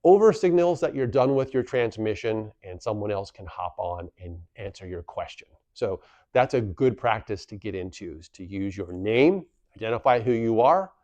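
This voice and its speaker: Speaking at a normal speed, a man with a lowish, warm and animated voice explains a procedure step by step for a community association video. He keeps it plain and repeats the important points for emphasis. The recording is dry.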